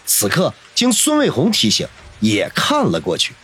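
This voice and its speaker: A man narrating a novel in a dramatic, expressive storytelling voice. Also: mid-range voice, normal speed, husky. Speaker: audiobook narrator.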